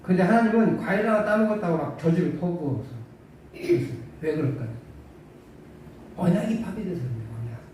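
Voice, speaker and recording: A man's voice: sits high, expressive, normal speed, pauses often, warm tone. A male pastor preaching a conversational sermon full of rhetorical questions and dry humor, recorded in an echoey church hall from a distance. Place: church sanctuary. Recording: echoey church hall from far off, faint hiss.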